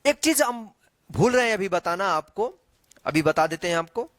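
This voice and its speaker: A man's voice: sits high, animated, a bit bright, dry recording. A man teaching the Hindi alphabet in an online lesson, reciting letters one by one and checking in often with the viewer. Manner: slow, drawn-out recitation with frequent check-ins; quizzing the viewer with repeated questions.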